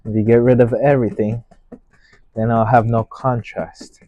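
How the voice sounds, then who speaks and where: A man giving an unscripted painting tutorial as a gentle, unhurried instructor, musing aloud in short phrases. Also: medium pitch, flat delivery, dry recording, muffled recording.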